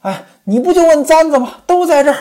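A woman's voice: animated, fast, dark tone. Woman doing Pan Jinlian, a wailing pleading concubine. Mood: protesting. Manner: high wailing protesting pleading. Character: cunning young concubine pleading innocence.

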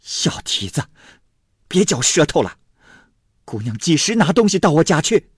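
A man voicing a shrewish, scheming older mother who scolds in a shrill voice. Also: sing-song, normal speed, bright, forceful tone, breathy edge, no room sound, studio quality, exaggerated voice. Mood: scolding.

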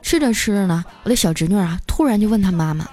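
A woman telling comic stories as a podcast host, lively and chuckling often. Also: medium pitch, quick pace. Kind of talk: comic storytelling. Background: background music.

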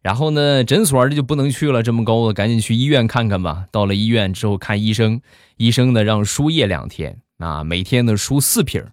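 A man's voice: medium pitch, a little fast, no room sound, clean studio sound. A man hosting a show, telling comic stories in a chatty way. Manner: chatty, animated. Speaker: joke-telling host. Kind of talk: comic storytelling.

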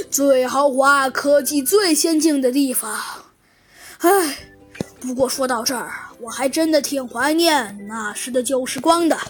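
Give me a sighing, worried wolf gentleman in a children's audio story, as a woman puts him on, halting and high-pitched. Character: worried male wolf elder recounting troubles.

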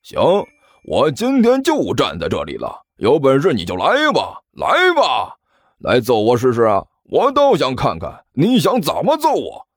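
A man voicing a hot-headed young man who shouts in a high, shrill, furious voice. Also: huge pitch swings, unhurried, dry recording, exaggerated voice.

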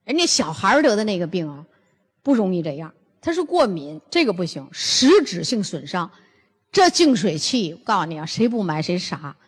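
An older woman gives a lively lecture. She tells stories bluntly and throws rhetorical questions at the audience. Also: on the low side, moderate pace, slightly rough, big-room sound. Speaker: lecturer on health and nutrition.

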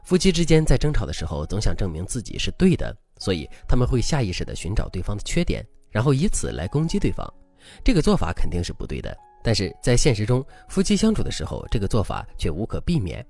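A man's voice: lowish voice, huge pitch swings, fast, gravelly, darkish tone. A man hosting a relationship advice show, narrating a couple's story and lecturing in a scripted way. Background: faint background music.

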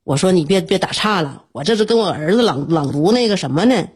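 A middle-aged woman with a slightly husky voice, hosting a show with humorous, colloquial anecdotes. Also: fairly low pitch, animated, fast talker. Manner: colloquial, often laughing as she talks. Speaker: radio show host. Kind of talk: humorous anecdotal casual chat.

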